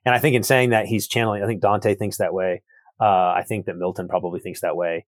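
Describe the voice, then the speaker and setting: A man with a somewhat low voice works through ideas out loud in a thoughtful, circling way, repeating words as he builds each point. He is a guest author in a podcast conversation. The recording is close and dry, with no room sound. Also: little pitch movement, fast talker, no echo. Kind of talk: reflective theological conversation.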